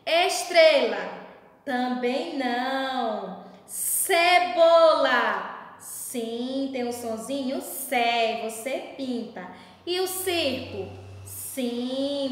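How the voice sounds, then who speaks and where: Slow, patient teacher woman in an echoey room. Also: on the high side. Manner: slow, patient, sing-song teacher talk, stressing syllables. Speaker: primary school teacher. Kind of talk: video lesson for young children. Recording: very echoey room with long reverb.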